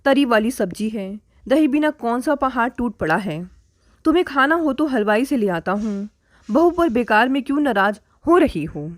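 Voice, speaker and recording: A woman's voice: on the high side, expressive, moderate pace, no echo, lightly acted. Fed-up old father-in-law grumbling, woman reading his part, dry close sound. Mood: exasperated. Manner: exasperated, scolding his wife.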